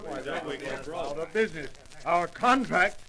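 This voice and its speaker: High-pitched, blustering old-radio director. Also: male voice, animated, moderate pace, crowd noise. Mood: indignant, alarmed. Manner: blustery, demanding. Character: blustering, indignant male company director. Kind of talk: 1930s American radio drama acting. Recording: old 1930s radio recording, faint noise.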